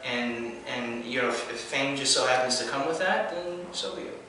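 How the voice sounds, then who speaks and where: A man's voice: mid-range voice, moderate pace, sharp tone, slight background noise. A young man from New Zealand with a mostly American accent and a trace of his home accent, talking earnestly in a casual interview, restarting his sentences often. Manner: restless and earnest, many restarts and fillers. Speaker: actor being interviewed. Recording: echoey room from far off.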